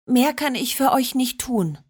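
List: woman voicing a gentle Christ child spirit, soft, higher voice, storybook. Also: expressive, a little slow, husky, dry recording, clean studio sound, exaggerated voice. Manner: soft, tender. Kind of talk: storybook reading.

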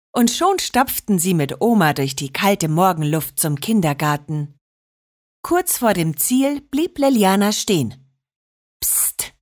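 List: woman, storybook narrator, slow, lively intonation. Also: mid-range voice. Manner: expressive, unhurried. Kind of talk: storybook reading.

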